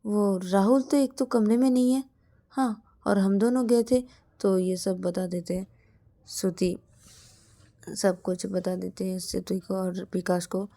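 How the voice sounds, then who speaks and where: A woman's voice: mid-range voice, flat delivery, a little slow, dark tone, lightly acted. A woman voicing Shreya, a bossy, suspicious young woman who scolds and demands answers. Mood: worried, insistent.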